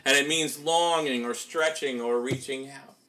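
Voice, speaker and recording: A man's voice: mid-range voice, measured pace, background noise. A man preaching a sermon in a conversational way, asking rhetorical questions as he goes.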